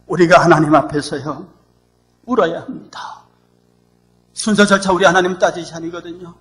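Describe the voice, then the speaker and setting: A male pastor preaching a sermon in a lively, emphatic and playful way. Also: on the high side, normal speed.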